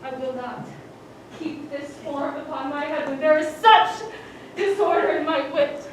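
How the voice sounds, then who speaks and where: A female stage actor plays a grieving widowed queen mother, frantic with loss, in a live Shakespearean performance. Her high voice declaims slowly and swells into cries of grief. The recording is distant, captured in a big echoey hall with background noise.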